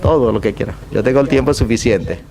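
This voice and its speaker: A man's voice: medium pitch, fast, creaky, noisy background. A man with a Panamanian Caribbean Spanish accent speaks as an ambassador at a public talk, in a discursive, rhetorical way with emphatic repetition. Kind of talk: public talk with question and answer.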